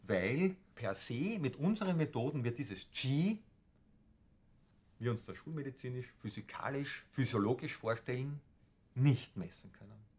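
Older doctor explaining calmly. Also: male voice, mid-range voice. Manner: measured, explanatory. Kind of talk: interview. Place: medical office.

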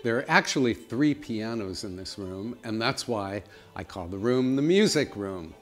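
Showing viewers around his big old home with its tall ceilings, a middle-aged vlogger talks in a lowish voice at a normal speed, his intonation lively. His delivery is chatty and friendly, like a tour guide, and faint music plays behind him.

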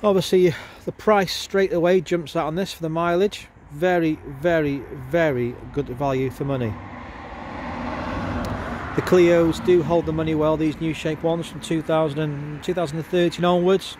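Male car salesman, slightly high voice, congested with a cold, informal walkaround patter over clear outdoor noise. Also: steady tone, moderate pace. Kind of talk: casual walkaround sales presentation. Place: outdoors at a car lot, walking around a car. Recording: outdoor handheld video with clear background noise.

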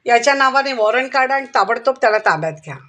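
A commanding male inspector from an audio storybook, as a woman narrator reads him out. He presses with sharp, probing questions. The voice sits somewhat high. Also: expressive, fast talker. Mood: stern. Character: stern middle-aged male police inspector.

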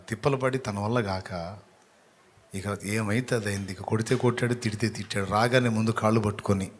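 Male pastor, lowish voice, sympathetic storyteller in a sermon.

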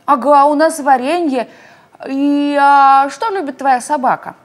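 A woman voicing a gentle, thoughtful little hedgehog in a storybook reading. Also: high-pitched, unhurried, voice pushed up.

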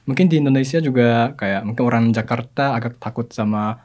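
A man's voice: mid-range voice, a little mellow. Young Japanese-accented man speaking Indonesian as a foreigner. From Tokyo, Japan. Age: 20s. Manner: foreigner speaking learned Indonesian in short, halting phrases. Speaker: podcast guest. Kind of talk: casual chat. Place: indoor wood-panelled podcast studio. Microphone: close desk-mounted broadcast microphone.

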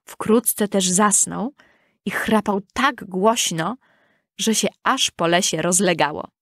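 A woman reading a children's storybook aloud in a calm, even storytelling manner. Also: mid-range voice, takes it slowly, no echo, clean studio sound. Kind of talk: scripted storybook narration.

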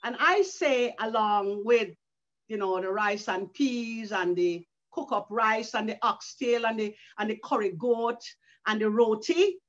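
An older Caribbean woman, an author and educator, speaks earnestly over a video call from her living room at home, often restarting her sentences. Her fairly high voice is unhurried, and the webcam audio sounds dull and lo-fi.

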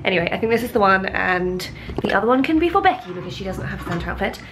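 A woman's voice: mid-range voice, lively intonation, rapid-fire, background noise. A young woman vlogging in a chatty, bubbly way, a bit stuffy from a cold. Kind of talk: casual vlog chat.

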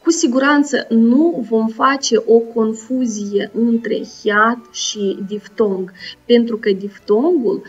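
A woman teacher giving a recorded school lesson, pronouncing sounds and syllables slowly and carefully. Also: fairly high pitch, husky, recorded from a distance. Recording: dull lo-fi sound, voice set back, soft music. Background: soft background music.

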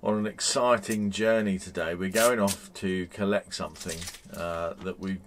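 A man's voice: low-pitched, steady tone, normal speed, noisy background. A man in his fifties chatting casually to camera from inside a motorhome, rambling with frequent ums and restarts. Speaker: vlogger. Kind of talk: casual vlog chat.

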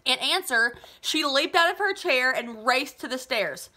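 A woman in her thirties with a North American accent reads a children's novel aloud, expressive like a teacher addressing students. Her voice is high, animated, pushed and bright, at a measured pace. She's indoors in a small living room at home.

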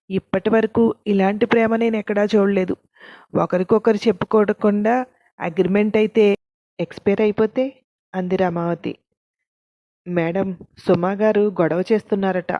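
A woman narrating a scripted story, reading every character's lines in the same even narrating voice. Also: mid-range voice, no room sound, lo-fi sound.

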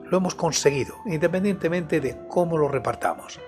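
A man in his sixties voicing a moody, deliberate criminal in his thirties in an audiobook. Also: on the high side, darkish tone, faint music behind, close to an everyday voice. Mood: calculating. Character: sullen, tall, lean criminal in his mid-thirties. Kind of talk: audiobook character dialogue.

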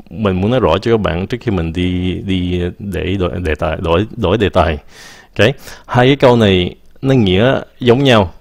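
A man teaching English in a casual video lesson, switching between languages, saying "ok" often and slowing down to model example sentences. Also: sits low, dry recording, studio quality. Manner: mixes English phrases into explanations, repeats "ok" often.

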